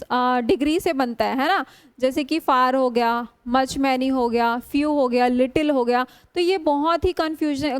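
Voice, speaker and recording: A woman teaching English grammar in a classroom lecture, drawing out English words slowly and often putting questions to her students. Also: high-pitched, no echo. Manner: slow, drawn-out spelling of English words; frequent rhetorical questions to students.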